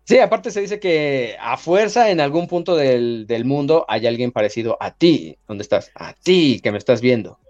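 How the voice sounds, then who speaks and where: A man's voice: medium pitch, moderate pace, few pauses, highs cut off. A man with a Mexican accent hosting a podcast in casual, joking chat and reading out listener comments. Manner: animated, jokey, reads listener comments. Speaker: podcast host.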